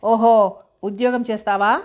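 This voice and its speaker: A woman's voice: medium pitch, steady tone, a little slow, muffled recording, lightly acted. A woman voicing a harsh, domineering middle-aged aunt who scolds and sneers, in a novel reading. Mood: scornful. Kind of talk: audiobook character reading.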